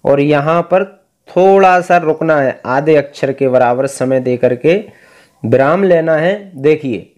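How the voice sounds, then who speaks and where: Slow, clear man teaching chant. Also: fairly high pitch, darkish tone. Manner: slow, drawn-out chanting between explanations. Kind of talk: recitation lesson.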